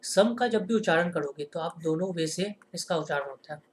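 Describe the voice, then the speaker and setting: A man with a voice on the high side teaches a lesson as if in a classroom, and there's slight background noise. He answers his own rhetorical questions and lingers on each example sentence for emphasis.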